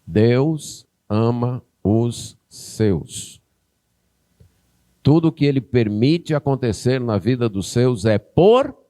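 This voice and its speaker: A man's voice: lowish voice, dark tone. A man with a Northeastern Brazilian accent, a pastor preaching a sermon, who acts out a parent and child in a raised voice.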